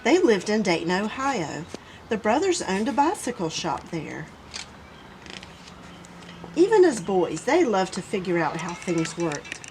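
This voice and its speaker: A woman reading a children's picture book aloud in an expressive way. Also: medium pitch, unhurried, pauses often, a little hiss or hum, low-quality recording. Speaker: children's story reader.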